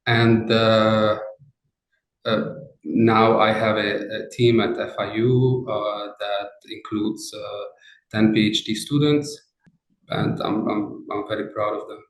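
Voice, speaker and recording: Hesitant professor from Lebanon, roomy sound. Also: male voice, lowish voice, fairly even intonation, slow. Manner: hesitant, many fillers and restarts. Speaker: professor and researcher. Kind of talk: interview answers. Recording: roomy echo.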